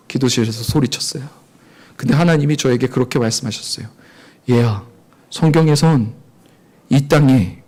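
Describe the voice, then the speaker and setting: Dramatic Korean missionary preaching a testimony. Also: male voice, fairly high pitch. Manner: dramatic storytelling, acting out voices and shouting at peaks. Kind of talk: sermon testimony. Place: church service.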